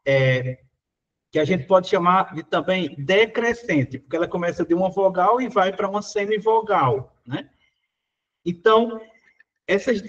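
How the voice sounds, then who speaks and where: High-voiced teacher talking through exam answers. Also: male voice, muffled recording. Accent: Brazilian Portuguese. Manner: conversational, many "né" and "ó" fillers. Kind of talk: explaining exam questions.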